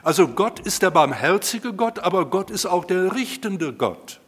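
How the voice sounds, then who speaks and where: Husky preacher man in a reverberant hall. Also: sits high, moderate pace. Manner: conversational, animated, addressing the congregation directly. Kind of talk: sermon. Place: church hall before a congregation.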